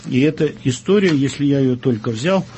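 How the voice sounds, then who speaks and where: A man, an author and radio guest, reading his own new story aloud expressively and speaking haltingly in between. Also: mid-range voice, lively intonation, noisy background.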